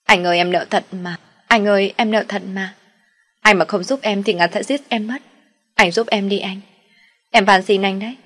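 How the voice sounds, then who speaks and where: A woman voicing a desperate young woman in debt, pleading tearfully in a raised, shrill voice. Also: fairly even intonation, normal speed, a bit bright, close to an everyday voice.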